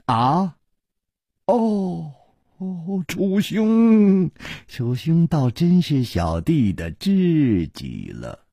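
A man voicing a proud, cornered male gang chief who laughs mockingly and drawls low and slow. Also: sing-song, warm tone, slightly rough, no echo, studio quality, full character voice. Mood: sly.

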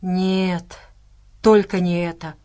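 A woman's voice: fairly low pitch, flat delivery, slow pace, dark tone, clean tone. A woman voicing a despondent male scientist who speaks in a hopeless, moaning way in an audiobook.

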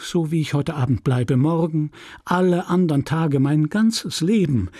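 A man voicing a smooth-talking gentleman seducer, soft and pleading, in an audiobook reading. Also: a little high, a little slow, no room sound, clean studio sound.

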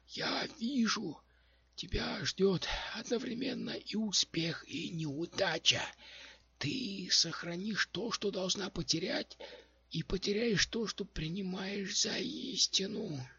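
A man reading aloud, voicing a frail old female witch who prophesies slowly and labors over each word, heard in a dull lo-fi recording. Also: high voice, creaky, fairly bright tone, husky, no echo, voice pushed up, heavily acted.

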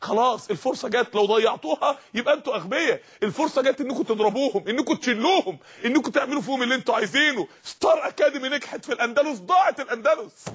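A man's voice: extremely high pitch, very fast, few pauses, fairly bright tone, husky. A young man preaching an impassioned sermon in an Egyptian accent, pressing his points through repeated rhetorical questions and commands. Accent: Egyptian Arabic. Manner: impassioned, rhetorical, repetitive exhortation.

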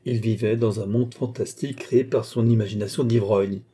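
A male reader narrates a dark tale in a measured, even delivery. His voice is very dark and husky. It is a scripted audiobook reading. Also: on the low side.

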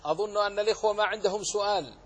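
A man's voice: high voice, racing, breathy edge. A man teaching a tajweed lesson who explains each rule and then recites the correct form as an example.

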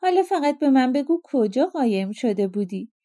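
Storybook fisherman, cunning and smooth-tongued, teasing; played by a woman reader, lifted high. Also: very animated, dark tone, dry recording, studio quality. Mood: mocking, glib. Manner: mocking, glib, teasing. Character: sly, smooth-talking male fisherman.

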